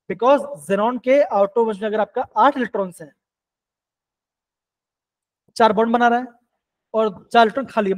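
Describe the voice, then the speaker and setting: High-voiced man teaching a live chemistry class. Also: a little mellow, low-quality recording. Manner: coaxing, repeats questions to students.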